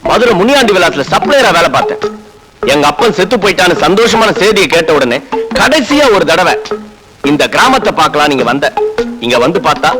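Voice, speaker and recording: A man's voice: sits high, low-quality recording. An actor playing a cheeky young village man who mocks the villagers in a film comedy. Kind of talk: 1990s Tamil film comedy acting.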